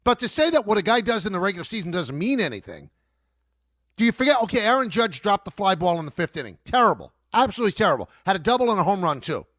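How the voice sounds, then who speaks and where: Casting: middle-aged male sports radio host, high lively voice, emphatic and combative, dry studio sound. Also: fast, no room sound. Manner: emphatic, argumentative, repeats points.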